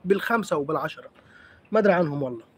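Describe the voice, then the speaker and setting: A man's voice: fairly high pitch, lively intonation, very fast, a little mellow, husky. A man with an Egyptian accent hosting a live stream, chatting playfully with viewers and teasing them as he answers comments. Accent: Egyptian Arabic.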